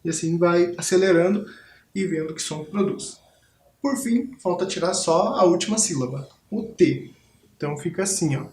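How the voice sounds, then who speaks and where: A man's voice: high-pitched, normal speed, echoey room, a little hiss or hum. A Brazilian Portuguese-speaking man teaching a school rhythm lesson, explaining patiently and demonstrating body percussion.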